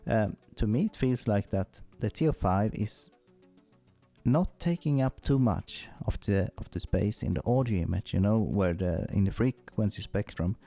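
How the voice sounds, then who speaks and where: A man's voice: lowish voice, gravelly, dark tone. A man giving a casual, hands-on gear demo, thinking aloud hesitantly, his voice heavily compressed on the microphone. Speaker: synthesizer demo presenter. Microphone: microphone through a compressor. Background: synthesizer tones.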